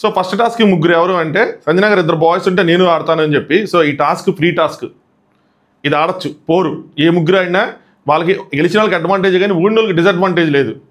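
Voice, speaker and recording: Fast-talking, high-voiced man reviewing a show. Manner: rapid, chatty recap mixing in English words; acts out quoted lines from the show. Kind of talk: casual commentary.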